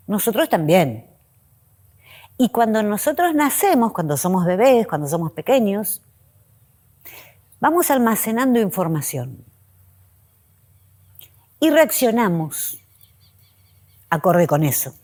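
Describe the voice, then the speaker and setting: A woman speaks as the host of a reflective spiritual talk. Her delivery is unhurried and measured, at a mid pitch, with pausing, list-like phrases that often trail softly downward.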